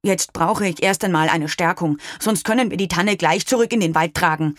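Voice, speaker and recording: A woman's voice: lowish voice, normal speed, no room sound, clean studio sound, natural voice. A woman voicing a grumbling father in a read-aloud storybook. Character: grumbling father struggling with a tree.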